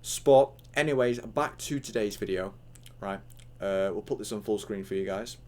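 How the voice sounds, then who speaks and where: A man's voice: fairly low pitch, normal speed, darkish tone. Rambling young man teaching with hiccups. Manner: rambling, filler-heavy, acts out chat lines. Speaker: online trading tutor. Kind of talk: casual tutorial talk.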